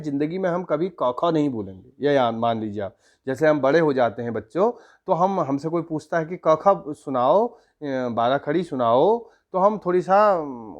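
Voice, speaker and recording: A man with a slightly raised voice teaches grammar to schoolchildren in an Uttarakhand Hindi accent. He explains step by step, drawing out sounds and chanting his examples. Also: fairly high pitch. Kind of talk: grammar lesson for school students.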